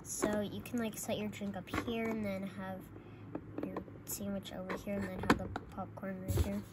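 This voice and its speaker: A woman's voice: mid-range voice, little pitch movement, normal speed. A woman hosting a casual, improvised toy play video in a chatty, informal way. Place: indoors at home, on a carpeted floor. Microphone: handheld phone camera. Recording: very noisy handheld home recording with clicks.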